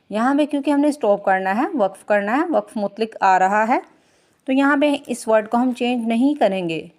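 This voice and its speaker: A woman teaching Quran recitation rules, chanting verses slowly and drawn out, then explaining quickly in plain speech. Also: medium pitch, darkish tone. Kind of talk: tajweed lesson, slow recitation alternating with quick explanation.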